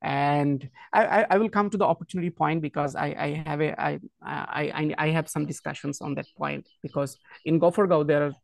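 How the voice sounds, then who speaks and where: Young man, student guest, earnest, hesitant, gravelly, dry close sound. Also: a little high, fairly even intonation, fairly quick, hardly any pauses, dry recording. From Bangladesh. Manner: earnest, hesitant, apologetic about his English. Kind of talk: self-introduction in an online class.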